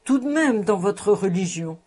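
A woman's voice: mid-range voice, unhurried, slightly rough. A woman reading aloud, voicing a jovial, teasing man fond of good living. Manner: teasing, lively. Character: jovial teasing male bon vivant.

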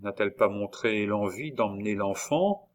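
A weary wandering peddler, as a male reader plays him, speaking gently and low with quiet resignation. His hushed voice carries grief in a spoken storybook. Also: moderate pace, slight background noise, lightly acted. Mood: sorrowful.

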